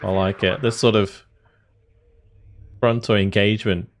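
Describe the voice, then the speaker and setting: A man's voice: fairly low pitch, fairly even intonation, measured pace. A man giving casual commentary on a strategy war game, thinking aloud through his tactical decisions. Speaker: gaming video host.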